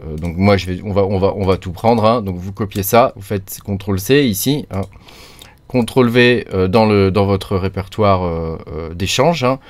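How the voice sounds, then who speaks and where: A man's voice: low-pitched, moderate pace, no echo. A man hosting a casual screen-recorded tutorial, rambling and chatty with many fillers, recorded close on a desktop mic. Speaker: crypto tutorial host.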